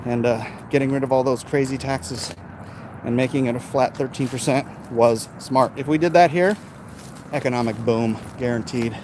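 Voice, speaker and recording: Speaking from his backyard during a live stream, an American man reads viewer comments and responds off the cuff. His mid-range voice keeps a fairly even intonation at a moderate pace, and his delivery is casual, opinionated and emphatic, vlogger-style. Noisy urban ambience and traffic can be heard around him.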